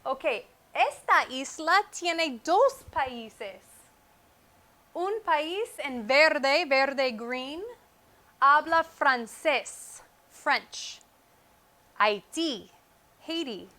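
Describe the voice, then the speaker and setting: A woman teaches a Spanish lesson on a wireless mic. Her voice sits high and bright. She talks very slowly and repeats each key word with care. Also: expressive. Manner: slow, deliberate, repeats key words with English glosses. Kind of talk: comprehensible-input lesson. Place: at a whiteboard. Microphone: wireless microphone.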